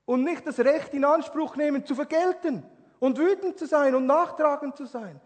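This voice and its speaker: A man preaching a sermon, swinging from hushed, quiet passages to loud, impassioned ones. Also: extremely high pitch, normal speed. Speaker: pastor. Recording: hall reverb.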